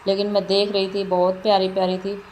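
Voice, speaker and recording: A woman's voice: mid-range voice, monotone, fairly quick, darkish tone, rough recording. A middle-aged woman narrating a shopping trip in a casual vlog, rambling and repeating herself as she talks. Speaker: vlogger. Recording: faint background noise.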